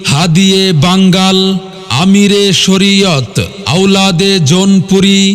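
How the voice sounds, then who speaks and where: A man reads a formal scripted public announcement for a religious gathering in a solemn, measured, declamatory way. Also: high-pitched. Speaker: event announcer. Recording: long hall reverb, music behind.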